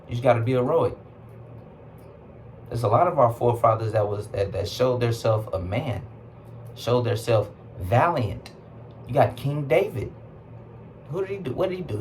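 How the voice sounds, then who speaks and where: A man with a Southern US accent teaching scripture, reading verses slowly and explaining them in casual speech with rhetorical questions. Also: medium pitch, a little mellow, a little hiss or hum. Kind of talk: scripture class preaching.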